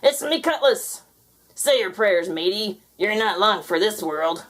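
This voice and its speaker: A woman voicing a vengeful male pirate ghost as a storybook character, growling and booming in pirate dialect. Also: expressive, measured pace, a bit bright. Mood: furious.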